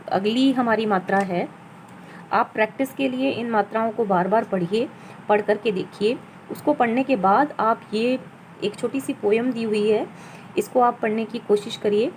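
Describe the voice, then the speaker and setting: A woman's voice: mid-range voice, a little mellow, slight background noise, low-quality recording. A woman teacher giving a patient reading lesson for children, spelling words out sound by sound.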